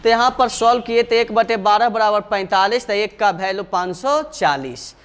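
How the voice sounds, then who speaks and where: A man's voice: sits high, normal speed, fairly bright tone, clear, resonant tone. A male math teacher explaining problems step by step, going over each step twice and often calling his students dear children.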